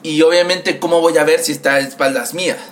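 A young man with a Mexican Spanish accent telling a crude story in casual chat, animated and acting out voices. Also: a little high, fast talker. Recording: faint background noise.

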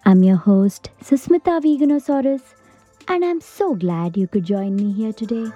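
A woman hosting a guided meditation in a soft, breathy near-whisper, gently giving unhurried instructions with long pauses. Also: fairly high pitch, expressive, soft background music. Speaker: meditation host.

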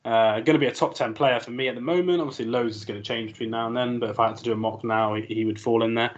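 A man's voice: mid-range voice, fairly even intonation, rapid-fire, lo-fi sound. A man hosting a casual sports podcast, chatty and full of fillers as he asks questions. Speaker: podcast host.

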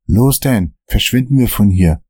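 A man's voice: on the low side, lively intonation, measured pace, darkish tone, husky, no room sound, clean studio sound. A man voicing a firm, urgent young man who pleads with his friend, in a read-aloud story. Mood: tense. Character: determined young man searching for answers.

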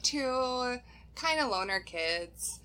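A woman's voice: a little high, animated, extremely slow, bright, forceful tone, rough recording. A woman co-hosting a podcast in natural, unscripted casual talk with a friend, chatty, giggly and self-deprecating. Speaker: podcast co-host.

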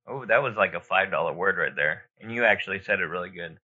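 A man's voice: deep voice, quick pace, sharp tone. A man co-hosting a podcast in casual, informal chat, rambling and thinking aloud as he gives his opinions. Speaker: podcast co-host. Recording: dull lo-fi audio.

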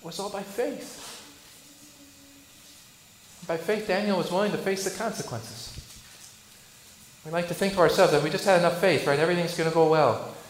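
Pastor, male, high voice. Preaches with rhetorical questions and sharp shifts between loud and soft. Roomy church sound with faint background hum. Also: normal speed, pauses often. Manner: asks rhetorical questions, swings between loud bursts and hushed lines. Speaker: Lutheran pastor. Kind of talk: sermon.

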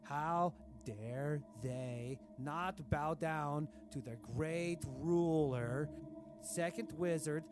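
Man voicing a bombastic tyrant king, slow and self-adoring, a little high, comedic storybook villain, music underneath. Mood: pompous. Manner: grandiose, broken formal grammar, slow. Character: cruel pompous self-adoring dictator king, adult man. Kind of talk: comedic audio diary reading.

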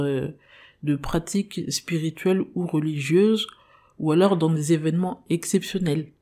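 A woman's voice: lowish voice, mellow. A young woman, a podcast host of Congolese descent, talking earnestly in a personal monologue with frequent hesitations.

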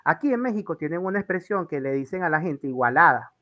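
A man's voice: fairly high pitch, lively intonation, quick pace, muffled recording. A Venezuelan man hosting an interview, chatting casually and telling rambling stories with lots of fillers. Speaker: interview host.

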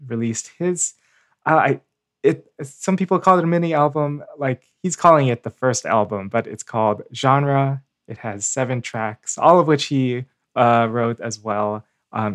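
A man co-hosting a podcast in casual chat, talking haltingly with many fillers and restarts. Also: medium pitch, no echo, clean studio sound. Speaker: podcast co-host.

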